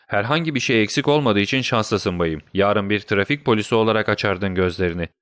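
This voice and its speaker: A man's voice: on the low side, fairly quick, a bit bright, smooth, no echo, clean studio sound, lightly acted. A man voicing a smug, self-satisfied police inspector who talks in a boastful, patronizing way in a storybook reading. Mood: stern.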